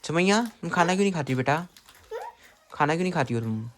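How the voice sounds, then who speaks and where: A man's voice: a little high, animated, quick pace, crowd noise. A man talking casually to his phone camera as a vlogger and father, chatty and always pointing things out to his viewers. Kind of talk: casual vlog narration to camera. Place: outdoors, rooftop and street market. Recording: street noise with passing vehicles.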